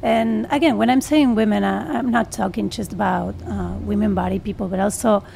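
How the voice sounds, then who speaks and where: A woman's voice: mid-range voice, a little fast, vocal fry, a little mellow, a little hiss or hum. A woman with an Argentine Spanish accent speaks non-native English as an interview guest, hesitating as she searches for words. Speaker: radio interview guest, artist and educator. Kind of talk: interview conversation. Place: radio studio.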